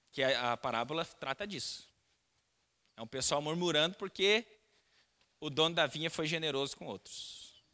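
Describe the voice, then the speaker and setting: Male pastor, high bright voice, lively sermon with acted-out quotes, long reverb of a church hall. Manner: animated storytelling with quoted voices; asks the congregation direct questions.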